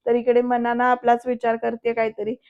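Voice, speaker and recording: High-voiced woman recapping a serial. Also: completely flat delivery, moderate pace, clear, resonant tone, no room sound. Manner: addresses viewers directly, storytelling. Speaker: serial review narrator. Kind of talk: voice-over episode recap. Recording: dull lo-fi.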